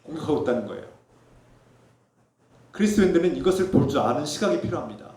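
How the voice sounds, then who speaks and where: A man preaching from the pulpit with a fairly high voice, earnest and pleading, pressing each point firmly. His words ring out through a reverberant church hall. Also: very animated, fast talker, distant mic. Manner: earnest preaching, rising to emphatic exhortation; softens to a low reflective tone for personal testimony. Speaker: pastor. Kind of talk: sermon. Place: church sanctuary. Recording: echoey church sanctuary.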